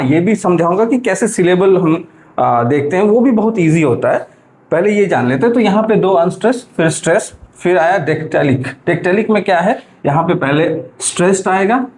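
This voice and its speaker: High-voiced man explaining poetry basics. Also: darkish tone, slight background noise. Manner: self-correcting, repeats "ठीक है" often. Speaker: English literature teacher. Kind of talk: explanatory lecture.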